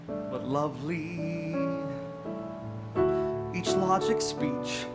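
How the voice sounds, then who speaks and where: A man playing a grieving starship captain in a musical, tender and halting, half spoken and half sung, recorded live. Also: on the high side. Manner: slow, halting, heartfelt. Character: starship captain grieving his dead friend, tender, solemn. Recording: live staged reading with loud piano. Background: piano accompaniment.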